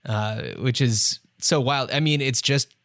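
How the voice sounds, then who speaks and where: A man's voice: medium pitch, unhurried, fairly bright tone. A man co-hosting a podcast, chatting in an easygoing, agreeable way with frequent fillers. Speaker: podcast co-host. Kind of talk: casual chat.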